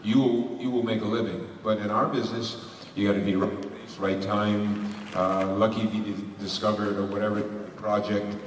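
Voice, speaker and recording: A man's voice: lowish voice, level tone, moderate pace, few pauses, distant mic, slight background noise. A man speaking as a voice actor on a convention panel, rambling with lots of restarts and laughs. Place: large convention hall. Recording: echoey hall recorded from afar.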